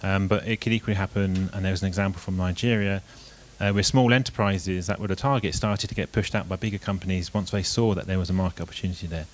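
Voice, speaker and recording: A man presenting his group's reasons at a conference, measured and with frequent ums. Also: low voice, fairly even intonation.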